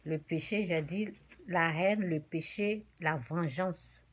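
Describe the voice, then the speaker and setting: A woman's voice: deep voice, takes it slowly, breathy edge. A woman delivers a sermon in a direct, exhorting voice. She hammers her points home by saying them again and again, addressing her listeners as "you" throughout. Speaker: preacher.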